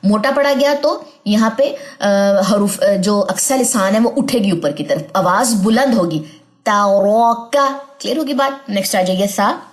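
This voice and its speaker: A young woman teaching tajweed from slides. She often checks whether students follow and draws out example words slowly. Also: mid-range voice, animated. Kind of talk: slide-based online lesson.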